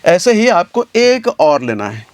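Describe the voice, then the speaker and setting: Casual male trading tutor, high-pitched, dry close recording, chatty and repetitive. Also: sing-song, unhurried, no room sound. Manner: casual, addresses viewers as bhaiya, repeats phrases.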